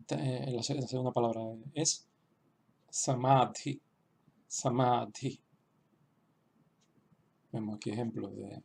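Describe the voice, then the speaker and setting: Tipo explicando una lección, habla lento, dudando y repitiendo palabras. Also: male voice, mid-range voice, creaky, a little mellow, husky. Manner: hesitant, many restarts and fillers; slow, explanatory. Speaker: language teacher. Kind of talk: online lesson.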